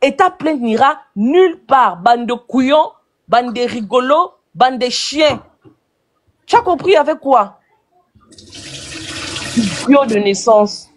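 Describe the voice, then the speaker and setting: Ranting furiously on a live video, a woman keeps calling names, throwing insults and restating her accusations. She speaks in a high, animated voice, slowly and with long pauses.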